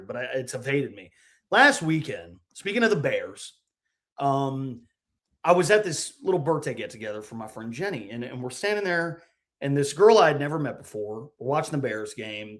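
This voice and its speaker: A young man co-hosting a sports podcast, telling stories in a casual, animated way and saying "dude" often. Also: mid-range voice. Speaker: podcast co-host. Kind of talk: casual chat.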